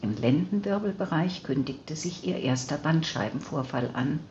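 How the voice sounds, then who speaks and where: A woman narrating an audiobook in an even, measured reading voice, on slightly dull audio. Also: low-pitched, slight background noise. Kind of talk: scripted narration.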